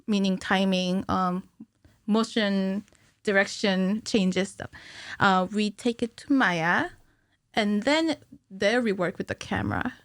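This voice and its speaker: A cinematic animator, guesting on a casual podcast, explains her technical craft with a halting delivery. Her mid-range voice is captured at studio quality with no room sound, through a boom-arm studio mic with headphones in a small curtained indoor studio.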